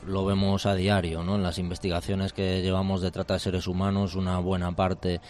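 A male police commander with a Spain Spanish accent, answering interview questions in a measured, formal way with frequent hesitations. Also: deep voice, monotone, darkish tone, slight background noise. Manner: measured, formal, hesitant with many fillers and restarts.

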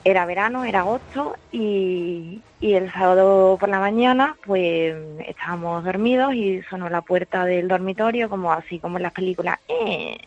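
A woman calling in to a radio show, telling her story haltingly with many pauses to find her words. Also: medium pitch. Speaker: radio caller. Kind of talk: call-in storytelling. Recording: dull lo-fi radio sound.

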